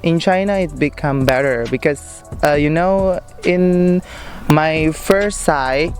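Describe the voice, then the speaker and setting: A man's voice: fairly high pitch, takes it slowly, faint music behind. A young man from Indonesia with an Indonesian accent, answering interview questions outdoors in a park. He is upbeat and chatty but hesitant, with many fillers. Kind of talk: casual street interview.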